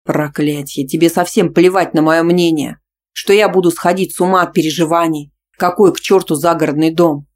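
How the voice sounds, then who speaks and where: A reader voicing a jealous, domineering young man who speaks loudly and sternly in a storybook reading. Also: mid-range voice, steady tone, a little fast, few pauses, natural voice. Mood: angry, stern. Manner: loud, stern, commanding.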